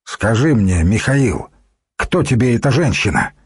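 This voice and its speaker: A man's voice: mid-range voice, big pitch swings, unhurried, slightly rough, no echo, clean studio sound, heavily acted. A man voicing a haughty palace official who gives curt commands in an audiobook.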